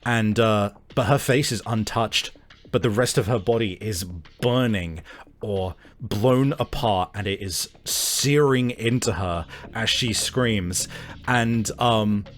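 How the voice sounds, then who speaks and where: A man's voice: lowish voice, slow pace. A man running a tabletop game as game master, talking casually with frequent swearing and fillers.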